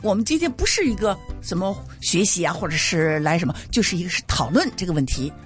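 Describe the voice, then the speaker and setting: A woman, a Mandarin teacher, explaining pronunciation with lively examples on a radio lesson. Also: on the low side, fast talker, soft background music. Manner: animated, laughing, explains with examples.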